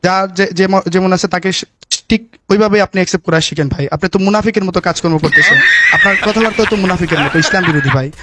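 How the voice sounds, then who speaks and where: A young man delivering a mock-preachy comic rant, lecturing a friend in a rapid, pedantic, moralizing way. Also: high-pitched, sharp tone, a little hiss or hum. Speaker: gamer comedian lecturing a friend.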